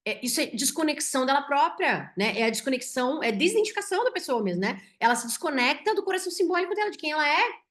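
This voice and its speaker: A woman doctor with a Brazilian Portuguese accent recounts a clinical case as a story. Her voice sits a little high for a woman. She keeps the telling animated and keeps checking in with "né?". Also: fast. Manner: animated, tags sentences with "né?". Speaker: physician teaching symbolic medicine. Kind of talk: storytelling a case to an online audience.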